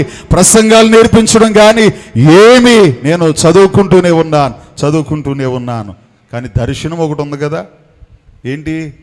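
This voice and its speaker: A man in his thirties, a pastor preaching a sermon with fervent delivery, often dropping low and soft for emphasis. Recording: reverberant hall.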